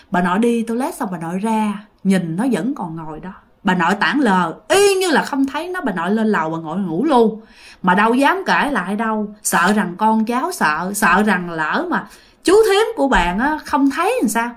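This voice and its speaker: A woman telling a ghost story casually, addressing her listeners directly. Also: mid-range voice.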